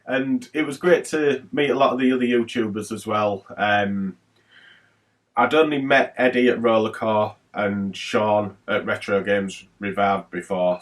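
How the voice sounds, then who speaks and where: A man's voice: on the low side, far from the mic. A man hosting a retro gaming haul vlog, chatting casually and rambling with lots of fillers.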